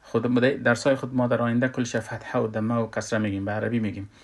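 A man with an Afghan Dari accent teaching a Quran recitation lesson, pausing often with filler sounds and loudly sounding out letters and vowels. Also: medium pitch, little pitch movement. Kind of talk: tajweed lesson.

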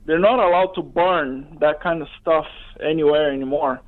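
A man with a fairly high voice calls in to a talk show. He speaks casually and hesitantly, full of fillers, through a narrow-band telephone line. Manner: hesitant, halting, many fillers. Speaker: radio phone-in caller. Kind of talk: casual chat. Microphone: telephone call.

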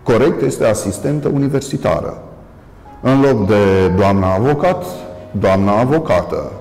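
Male TV lecturer, gravelly and mellow, deliberate with many pauses; roomy reverb. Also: fairly low pitch, expressive, soft background music. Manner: measured, halting with frequent "uh" pauses, stressing contrasting word endings. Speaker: priest and professor hosting a TV talk. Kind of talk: solo lecture-style commentary.

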